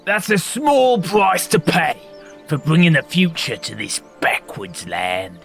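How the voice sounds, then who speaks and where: A man voicing a pompous, scheming male villain in a comedy podcast sketch, with a gravelly, theatrical delivery. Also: sing-song, a bit bright, faint music behind, heavily acted. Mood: grandiose. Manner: gloating, theatrical, drawn-out delivery with wild pitch swings.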